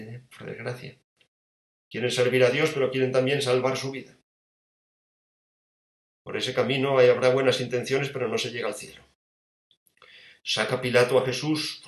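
A Spanish man preaches with vivid storytelling, firing rhetorical questions and dropping to a hush. His voice sits at an ordinary pitch and rings through an echoey room. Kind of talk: dramatic sermon storytelling.

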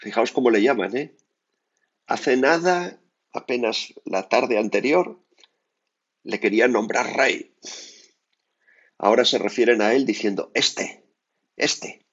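Spanish priest chatting thru a meditation, gravelly and a bit husky, dull lo-fi audio. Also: male voice, mid-range voice, measured pace, pauses often. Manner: conversational, frequent tag questions, lively asides. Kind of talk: spoken meditation.

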